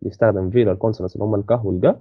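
A man with an Egyptian Arabic accent explains course material to a single student. He reads slowly, then speeds up to explain, often stalling on a word before going on. The sound is thin and phone-like, with no room echo at all. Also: on the low side, fairly even intonation. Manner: many hesitant restarts, checks understanding. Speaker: university lecturer. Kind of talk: lecture explaining a textbook, mixing Arabic and English. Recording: dry, phone-like audio.

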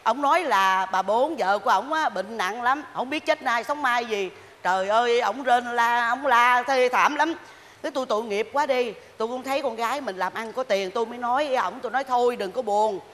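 An actress playing a stubborn, bossy rural older wife, bickering in a stage comedy sketch. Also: female voice, a bit bright, in a large hall, close to an everyday voice. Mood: pitying. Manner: shrill, bickering, quick scolding.

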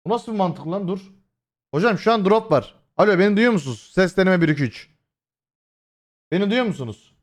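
Young guy streamer, talks to his chat, fairly high voice, swearing and rambling with lots of ums. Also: animated, brisk, pauses often. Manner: swears freely and addresses chat directly; rambling storytelling with many fillers. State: voice has been hoarse lately. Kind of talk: casual livestream chat.

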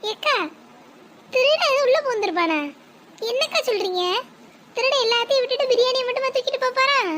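Young sister-in-law, voiced by a performer, very high voice, eager and nagging; faint noise behind. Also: brisk, a bit bright. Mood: worried.

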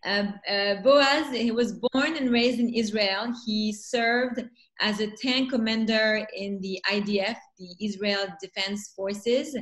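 A woman with a French accent, a festival founder introducing guests on a video call, talking with many pauses and fillers. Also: mid-range voice, fairly even intonation, poor audio. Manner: hesitant, many fillers, warm welcoming. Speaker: festival founder hosting a panel.

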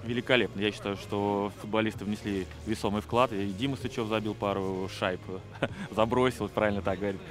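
A man's voice: lowish voice, fairly even intonation, brisk. A middle-aged man giving a casual post-match interview into a handheld microphone outdoors. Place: outdoor ice rink. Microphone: handheld reporter microphone. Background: faint music.

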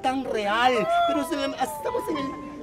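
Guy doing a super high swoopy schoolmiss, over the top, music under it. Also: expressive, measured pace. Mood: soothing. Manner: exaggerated, swooping, melodramatic. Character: flamboyant female substitute teacher, fussy and theatrical. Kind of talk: sketch comedy acting.

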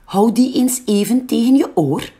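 A woman reading a picture book aloud, voicing a calm, kind male hedgehog who knows the road. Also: a little high, a little slow, voice pushed up, close to an everyday voice.

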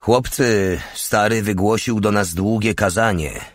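A man's voice: on the low side, unhurried, no echo, clean studio sound, close to an everyday voice. A man voicing a small, scarred male desert legionnaire in an audiobook, fierce and scornful as he rallies his comrades. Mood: urging.

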